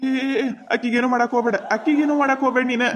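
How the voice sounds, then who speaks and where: A woman's voice: a little high, steady tone, racing, close to an everyday voice. A woman with a North Karnataka Kannada accent voicing a henpecked village husband in a cartoon comedy, pleading and placating. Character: henpecked village husband caught between two women. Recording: dull lo-fi sound.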